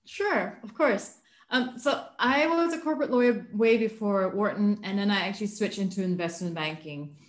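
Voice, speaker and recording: Malaysian-raised woman in an echoey room. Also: medium pitch. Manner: thoughtful, measured, many fillers. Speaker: guest, author. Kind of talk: remote interview.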